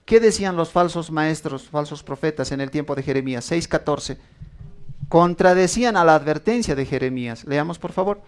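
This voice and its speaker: A man's voice: a little high, normal speed, smooth. A man preaching a sermon, telling stories with acted-out quotes and asking the congregation questions.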